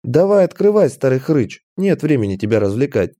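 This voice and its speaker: A man's voice: medium pitch, sing-song, fairly quick, dark tone, no room sound, studio quality, lightly acted. A man reading an audiobook, voicing a brash young woman player who bluntly explains and bosses others around. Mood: impatient. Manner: blunt, lecturing, impatient.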